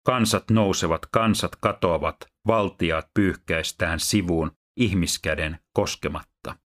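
A man with a very low, deep voice reads scripture aloud. His delivery is steady and measured, like a Bible reading in a sermon. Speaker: Bible reader and teacher.

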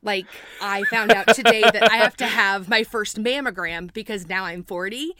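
A woman's voice: medium pitch, moderate pace, bright, forceful tone, dry recording. A woman in her forties, a podcast guest talking casually in a chatty, rambling way with side notes. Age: 40s. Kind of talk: casual chat.

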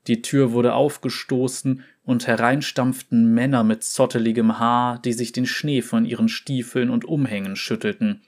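A man narrating a fantasy story in a slow, measured reading style. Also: medium pitch.

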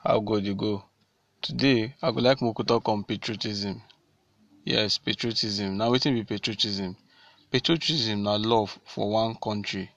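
Gravelly Nigerian man giving civic talk. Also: on the low side, steady tone, a little slow, a bit bright, no room sound. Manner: rhetorical, repeats key phrases and answers own questions. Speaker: speaker addressing fellow citizens. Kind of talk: direct civic talk in Pidgin to an audience.

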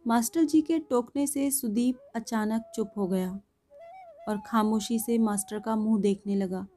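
Slow, measured woman storyteller. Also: a little high. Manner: measured, calm reading. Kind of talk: storytelling narration. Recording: faint background music.

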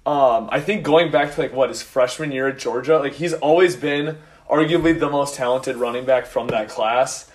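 A man co-hosting a casual fantasy football podcast, building his points slowly with many hesitations. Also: medium pitch. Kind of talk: casual chat.

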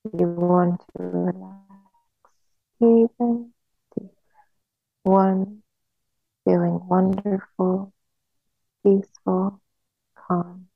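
In a gravelly, medium-pitched voice, a woman talks a listener through hypnotic relaxation, slow and calming, with long silences between phrases. It was captured dry on a thin, phone-quality recording.

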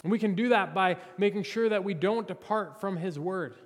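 A man's voice: sits high, moderate pace. A male pastor preaching a sermon in an earnest, expository manner in a church. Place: church sanctuary. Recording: reverberant church sanctuary.

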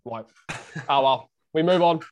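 Blokey young Australian man, slightly higher voice. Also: slow pace, a little mellow, a little hiss or hum. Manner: blokey, slangy. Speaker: podcast panellist. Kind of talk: casual sports chat.

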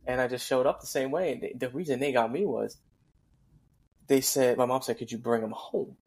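A man's voice: mid-range voice, brisk, a little mellow, breathy edge. A man hosting a podcast, trading a laid-back story of his own start as a firefighter. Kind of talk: casual conversation.

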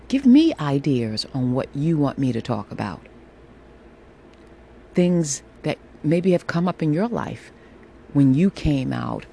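A woman with a sultry, mellow voice talks slowly and reassuringly, as if checking in on her podcast listeners. She repeats phrases for emphasis, and a faint air-conditioner noise sits behind her as she records on a phone in a room at home. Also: sits low, gravelly. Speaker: podcast host. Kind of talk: casual solo podcast monologue, encouraging check-in.

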